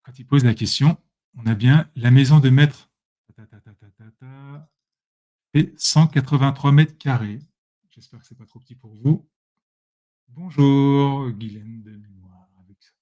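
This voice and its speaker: A man's voice: mid-range voice, measured pace, dark tone. A man giving a casual live tutorial while sharing his screen, chatty and self-correcting, speaking straight to his viewers on a computer mic. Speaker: presenter demonstrating software.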